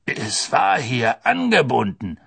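A man voicing a gruff male executioner who snarls. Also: medium pitch, huge pitch swings, slow, fairly bright tone, exaggerated voice. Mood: furious. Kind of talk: audiobook character voice.

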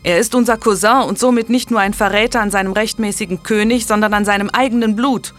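Woman reading as a gruff commanding medieval lord. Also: medium pitch, fairly even intonation, quick pace, soft background music, voice pushed up, lightly acted. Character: stern angry medieval English lord, older man.

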